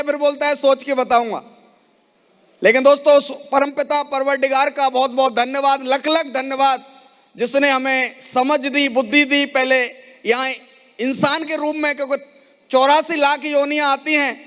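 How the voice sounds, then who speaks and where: On stage in a large event hall at a network marketing event, a man delivers an emotional motivational speech, rallying the crowd with questions. His voice is extremely high and a bit bright, with a level tone at normal speed. The hall sound is reverberant.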